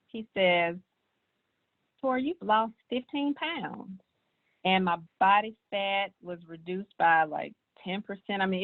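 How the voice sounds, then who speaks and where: A woman, earnestly sharing her personal health story in casual talk. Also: lowish voice. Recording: tinny, phone-like sound.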